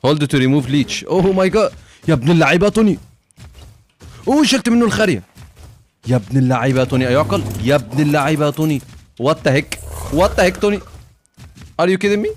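Fast, excitable Egyptian man playing a game. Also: fairly high pitch, slight background noise. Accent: Egyptian Arabic. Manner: excitable, swearing, mixes in English phrases. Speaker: gamer. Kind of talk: gaming commentary.

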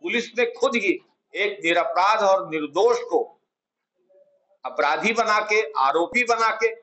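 Emphatic high-voiced man at press conference. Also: sharp tone, low-quality recording. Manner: measured, emphatic, repeats key words for stress. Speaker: Congress party spokesman at a press conference. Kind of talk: formal political press statement. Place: small office room, indoors. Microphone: clip-on lapel mic, table of press mics.

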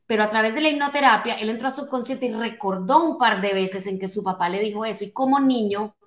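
She talks quickly with a fairly high pitch: a coach of forty-nine giving an emphatic motivational talk for a live online audience. Rhetorical questions and check-in tags let her address listeners directly. The setting is a small home office, and the audio sounds roomy and echoey.

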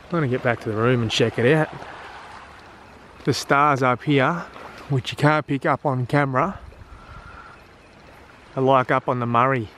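A man's voice: medium pitch, steady tone, moderate pace, pauses often, fairly bright tone, slight background noise. An Australian man talking casually on a travel vlog, blunt and crude, swearing freely and joking about himself. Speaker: travel vlogger.

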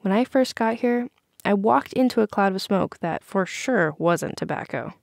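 A woman's voice: mid-range voice, expressive, moderate pace, vocal fry, no echo, clean studio sound. A woman voicing a confident teenage girl who looks out for her friends and talks in a bold, direct, scolding way.

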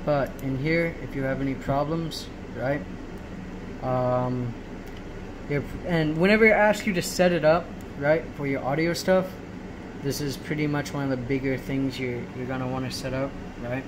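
This tutorial comes from a man of medium pitch who talks through his screen casually and haltingly, checking in again and again. It's a noisy home phone video with a constant hum, shot handheld in a small room at a laptop.

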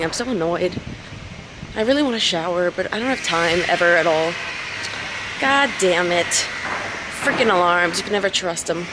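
A young woman vlogging in a casual, chatty way, hoarse from a cold and quick to laugh at herself. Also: on the low side, noisy background. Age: young adult. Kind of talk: casual vlog chat to camera.

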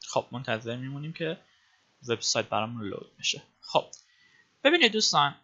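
A man's voice: mid-range voice, fairly bright tone, lo-fi sound. A man teaching web design in a screencast, explaining step by step with frequent filler sounds and calling his viewers friends. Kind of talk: screencast coding tutorial.

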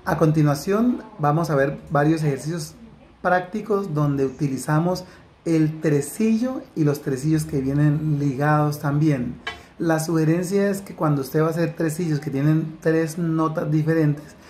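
A man's voice: a little high, darkish tone, a little hiss or hum. A man teaching a solfège lesson, explaining exercises step by step and singing note names and rhythm syllables. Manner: slow, deliberate explanation, breaking into sung syllables and counted beats. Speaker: music teacher.

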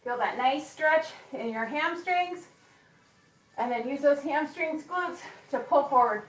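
Female gym instructor, high-pitched, slow encouraging cues, echoey room, off-mic. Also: recorded from a distance, a little hiss or hum. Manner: encouraging, counts reps aloud. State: occasional coughing. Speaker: fitness instructor. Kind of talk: live workout class coaching.

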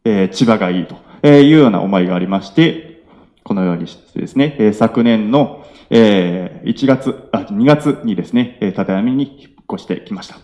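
A man in his late twenties with a Kansai accent, giving a polite self-introduction at a local meetup, often pausing on filler sounds. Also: fairly low pitch, expressive, warm tone. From Nara, Japan. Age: 20s. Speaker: young entrepreneur presenter. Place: event hall with audience.

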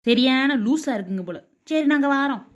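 A woman voicing a nosy cartoon visitor in a brisk, scolding way. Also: sits high, lively intonation. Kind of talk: cartoon voice acting.

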